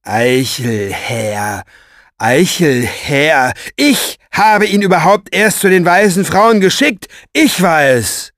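A man's voice: medium pitch, expressive, a bit bright, no echo, clean studio sound. A man doing a gloating, velvety-voiced villain. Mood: gloating, mocking. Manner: mocking, drawn-out, theatrical. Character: scheming, vain, gloating man.

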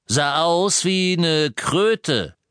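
A cowardly small-time crook wizard who whines, swears and talks his way out of everything, played by a man. The voice is high and swings up and down a great deal. The recording is dry and close. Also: animated, very slow, fairly bright tone, clear, resonant tone, no room sound, full character voice. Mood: evasive. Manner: whiny, defensive, cursing. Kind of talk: audiobook character voice.

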